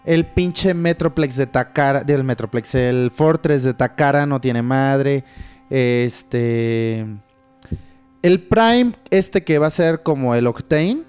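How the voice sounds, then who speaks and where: This co-host speaks slowly in a medium-pitched, slightly mellow, clean voice, with faint music in the background. His casual podcast chat carries a Mexican Spanish accent, plenty of slang, a laid-back feel, and a steady stream of "güey."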